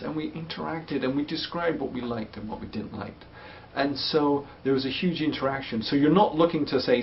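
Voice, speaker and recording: Man coaching parents in a webinar, gentle and patient, slightly muffled audio, faint hiss. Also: mid-range voice. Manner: gentle, patient, explains with hands-on demonstrations. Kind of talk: webinar teaching and answering parent questions.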